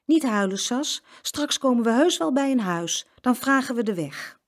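A little boy trying to be brave and comfort his sister, voice raised and lively, as a woman puts him on. A children's storybook character with a bright, eager tone. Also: a little high, normal speed, pitched above the performer's own voice. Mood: reassuring. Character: young boy Jeroen, brave twin brother.

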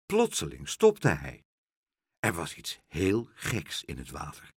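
A man reading a children's story aloud with expressive, unhurried narration. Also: low voice, husky, dry recording, studio quality. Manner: expressive and slow, with dramatic pauses.

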